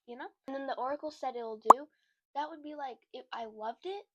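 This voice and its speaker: Her voice sitting high and moving a little fast, a bookish creator chats to her audience while mildly ill, stumbling through fillers and restarts. The recording has its highs cut off and heavy background noise.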